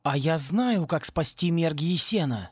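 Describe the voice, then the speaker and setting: A man reading an audiobook and voicing an eager, hurried young schoolboy wizard. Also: a little high, lively intonation, slightly rough, no room sound, studio quality.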